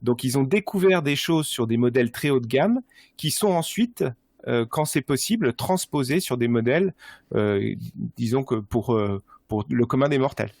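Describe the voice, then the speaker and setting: A man at an ordinary pitch walks through running gear in a relaxed podcast chat. He hesitates often and restarts his sentences. The recording is close and dry. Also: moderate pace, no echo. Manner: explanatory, many hesitations and restarts. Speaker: running gear expert guest. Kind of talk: casual podcast conversation.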